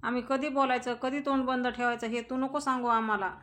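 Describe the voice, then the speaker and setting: A woman's voice: high-pitched, fairly even intonation, brisk, a bit bright. A woman reading the lines of a proud young wife defending her husband, in her own voice. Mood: indignant. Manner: read out plainly in the narrator's own voice.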